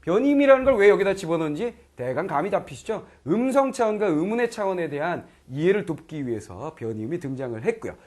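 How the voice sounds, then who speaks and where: A middle-aged lecturer explains Korean grammar online in a high voice, speaking fast with hardly any pauses. Lively throughout, he keeps checking students understand and voices foreign learners' lines as quotes.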